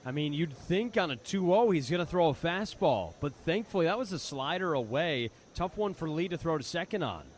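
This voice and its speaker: This baseball color commentator's voice sits on the high side; he's animated and a little fast, with few pauses, as he analyzes the game live in a conversational way. He tends to repeat words as he thinks, and faint ambient sound from the outdoor ballpark runs underneath.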